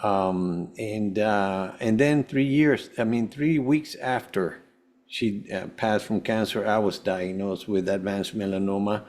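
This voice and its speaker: A Venezuelan man with a low-pitched, darkish voice shares a personal story as a guest on a podcast interview. He is a holistic health coach, and he tells it haltingly, often repeating words.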